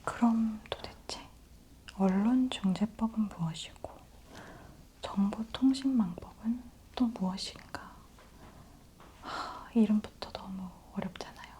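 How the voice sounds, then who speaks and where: Female ASMR news host, close soft whisper, unhurried and gentle explainer. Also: mid-range voice. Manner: whispering softly throughout, leaning in close; slow, gentle explaining to the listener in polite speech.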